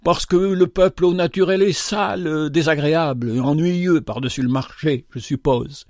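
A man's voice: on the high side, normal speed, no echo, clean studio sound, lightly acted. A man voicing a haughty, impatient rich young woman who talks with scorn.

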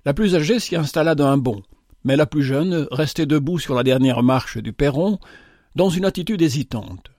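A man narrating a novel in a measured, expressive audiobook reading. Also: medium pitch, no room sound, clean studio sound.

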